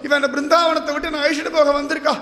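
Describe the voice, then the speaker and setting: A grief-stricken young woman devotee, put on by a man, begs and wails for rescue. The voice rides very high and bright. A long hall echo hangs behind every cry. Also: fast. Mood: desperate wailing. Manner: wailing, crying out for rescue. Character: anguished young woman devotee pleading desperately. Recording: echoey hall.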